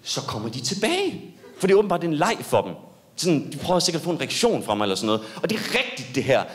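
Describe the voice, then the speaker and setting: Sudden high yelps burst through a young man's animated storytelling as he does a stand-up comedy set on stage.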